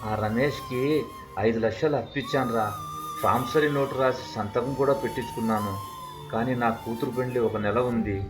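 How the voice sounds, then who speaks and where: A despairing middle-aged father, played by a man, talking in a weary, hopeless way. His pitch is medium, and music plays behind him. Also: fairly even intonation, brisk, natural voice.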